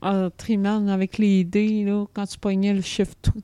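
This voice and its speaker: A woman with a Québécois French accent, co-hosting a podcast in a dry, teasing way. Her voice is mellow and sits at a middle pitch. The sound is close and dry. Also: level tone, normal speed, clean tone, no echo. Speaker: podcast co-host. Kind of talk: casual chat.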